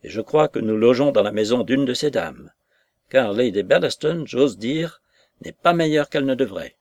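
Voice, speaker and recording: A man's voice: mid-range voice, lively intonation, moderate pace, a little mellow, no room sound, natural voice. A man reading aloud and voicing a chattering, indignant lady's maid in a raised, prattling voice. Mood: indignant gossip.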